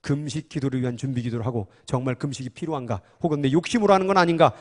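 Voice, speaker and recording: A man preaching a sermon as pastor, fervent and emphatic, with filler-laden passionate delivery. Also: mid-range voice. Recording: long hall reverb.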